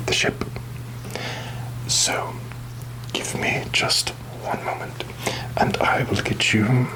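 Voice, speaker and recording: Pirate captain, played by a man: whispered ASMR, slow and deliberate, roguish, rum-loving, theatrically wary. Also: on the low side, rough recording. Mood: flustered, excusing. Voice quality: breathy whisper. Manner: halting, deliberate, mock-grand phrasing. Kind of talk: whispered ASMR roleplay, addressing the listener.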